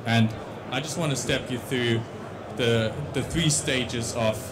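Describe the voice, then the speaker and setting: Speaking slowly in a mid-range voice, a young Dutch-accented man gives a tech conference talk on a large stage, full of restarts and fillers. He uses a handheld mic, and the recording is very noisy.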